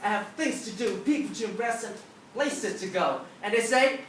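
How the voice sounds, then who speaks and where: A woman's voice: a little high, normal speed. Woman doing a motivational teacher talk, really emphatic storytelling, super echoey hall w some noise. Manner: emphatic storytelling, acting out dialogue. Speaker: public speaker, teacher. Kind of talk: motivational talk to a live audience. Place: large auditorium with an audience. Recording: echoey hall, distant, noisy.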